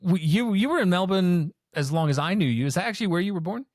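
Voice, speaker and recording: A man's voice: high-pitched, lively intonation, fast talker, a little mellow, no room sound, clean studio sound. A young man hosting a podcast, chatting casually with lots of fillers and restarts. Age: young adult. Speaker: podcast host. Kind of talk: casual interview chat.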